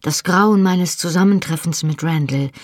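A woman narrates a novel in the first person with a measured, dramatic delivery. Her voice is low and husky. It is recorded close and dry on a studio mic. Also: a little mellow, no echo. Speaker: audiobook narrator.

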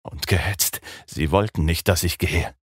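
A man's voice: deep voice, fairly even intonation, unhurried, breathy edge, no echo, studio quality. A man playing a shaken, muttering young man. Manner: muttering, broken, quiet. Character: shaken young man after a terrible escape.

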